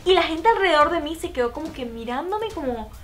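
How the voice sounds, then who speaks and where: A young adult woman telling a personal story to her viewers in a vlog, talking quickly and filling her sentences with little connecting fillers. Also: high-pitched, lively intonation. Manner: fast storytelling with many fillers. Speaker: YouTuber.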